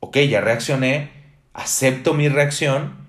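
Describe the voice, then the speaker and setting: A young man with a Mexican accent talks slowly and deliberately, blunt and emphatic, dropping profanity freely. His voice sits in a middle pitch. The recording carries a noticeable room echo. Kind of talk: casual reflective monologue. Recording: roomy echo.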